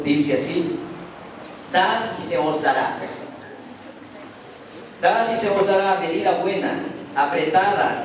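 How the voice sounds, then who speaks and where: A man preaching a sermon as pastor, swinging between loud emphatic lines and hushed ones. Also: fairly high pitch. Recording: echoey hall from far off, dull and noisy.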